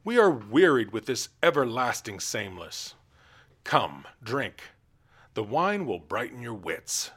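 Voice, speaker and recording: A man's voice: big pitch swings, measured pace, fairly bright tone, husky, exaggerated voice. A man voicing a blustering, cruel fat king who mocks and bullies his jester. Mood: jovial commanding. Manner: booming, mocking, bullying.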